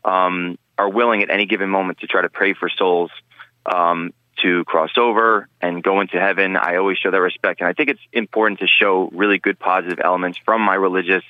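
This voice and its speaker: A man's voice: low voice, fairly even intonation, fairly quick, no room sound, phone-quality sound. A man guesting on a podcast interview, talking earnestly in a rambling way with many restarts. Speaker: guest, paranormal investigator.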